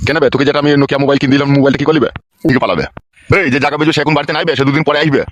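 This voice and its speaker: A man voicing a gruff, bossy village father-in-law in a comedy cartoon. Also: a little high, steady tone, rapid-fire, dry recording, lightly acted. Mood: scolding.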